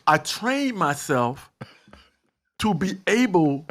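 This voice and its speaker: A middle-aged comedian telling stories in a profane, animated way, laughing as he goes and acting out other people's lines. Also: fairly high pitch, takes it slowly. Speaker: guest comedian. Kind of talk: animated comic storytelling.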